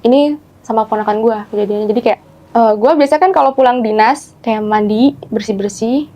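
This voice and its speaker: A woman telling a ghost story in casual chat, animated and acting out the voices of the people in it. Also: a little high, brisk. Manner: animated, acts out quoted voices, keeps saying "gitu". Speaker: guest telling ghost stories.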